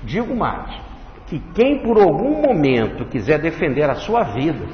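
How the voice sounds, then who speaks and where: Male lecturer, religious study talk, unhurried, melodic delivery, echoey hall recording. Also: fairly high pitch, sing-song. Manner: explanatory, repeats and enumerates points slowly. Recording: echoey hall, dull lo-fi, faint hiss.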